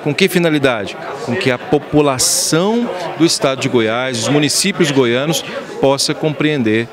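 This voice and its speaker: A man's voice: mid-range voice, normal speed. A man in his forties with a Brazilian Portuguese accent, a professor explaining with rhetorical questions in a press interview. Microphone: handheld reporter mic. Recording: crowd chatter behind.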